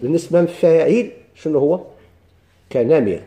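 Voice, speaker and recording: A man's voice: fairly high pitch, expressive, fairly quick, dark tone. A man with a Moroccan accent teaching a grammar lesson, explaining step by step and quizzing his students with questions.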